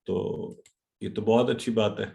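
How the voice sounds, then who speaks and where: A man's voice: lowish voice, fairly even intonation, vocal fry, dark tone. Male online teacher, middle-aged, encouraging lecture manner, English words mixed in, video-call sound. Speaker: Arabic grammar teacher.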